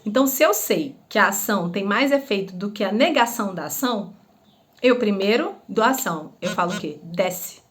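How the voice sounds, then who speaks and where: A woman's voice: medium pitch, lively intonation, brisk. A woman, a former schoolteacher, gives casual parenting advice to camera, explaining with rhetorical questions and acted-out examples. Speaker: parenting educator.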